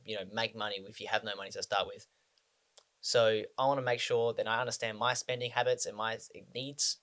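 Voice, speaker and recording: An Australian man in his twenties talks casually to the camera about personal finance, rambling with frequent ums and restarts. His voice is lowish and a bit bright.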